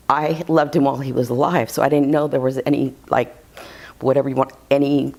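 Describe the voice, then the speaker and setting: A woman's voice: deep voice, darkish tone. Woman client describing her session to an interviewer: chatty, loose, laughing as she talks. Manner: rambling, chatty, giggly, with many restarts. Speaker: reiki client giving a testimonial. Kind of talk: casual interview testimonial.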